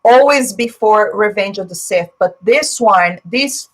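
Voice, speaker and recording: Speaking at an unhurried pace in a mid-range voice, a woman from Brazil with Portuguese as her first language runs a laid-back live stream. She's chatty and opinionated, replies to viewers' comments, and uses lots of fillers, all over a rough recording.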